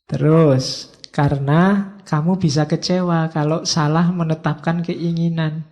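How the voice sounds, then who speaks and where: A man's voice: a little high, fairly even intonation, a little slow, darkish tone. A middle-aged man with a Javanese accent, giving a casual philosophy lecture to students in a chatty, teasing way. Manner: chatty, teasing, drifts into slang.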